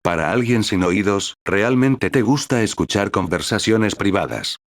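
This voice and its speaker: A man voicing a gruff male warrior captain who talks in a teasing, taunting way. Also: on the low side, animated, a little slow, no room sound, clean studio sound.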